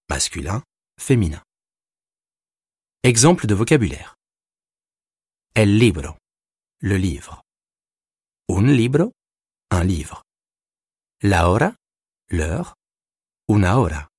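A man narrating a recorded language lesson, explaining grammar rules with slow, deliberate pauses between words. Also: low voice, sing-song, a little mellow, slightly rough, dry recording, studio quality. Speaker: language teacher.

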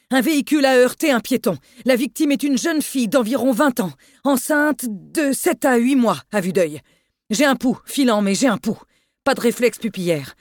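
A reader putting on a tense, commanding doctor who shouts orders over a storm, pitched up high and pushing hard. The delivery is urgent and loud, in a dry, close recording. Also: no echo, lightly acted. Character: authoritative male doctor taking charge.

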